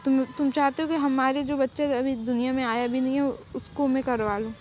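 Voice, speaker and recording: A woman's voice: high voice, steady tone, brisk, close to an everyday voice. A woman voicing a young pregnant wife, hurt, stubborn and reproachful, in a fan-made story, on dull lo-fi audio with faint noise. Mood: distraught. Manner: emotional, reproachful.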